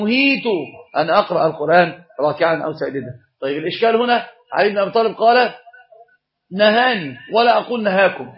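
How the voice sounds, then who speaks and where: A man teaches a religious lesson at a brisk clip, his voice sitting high for a man. He keeps the class engaged by posing questions and answering them himself. The recording sounds dull and lo-fi. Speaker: Islamic scholar teaching a course.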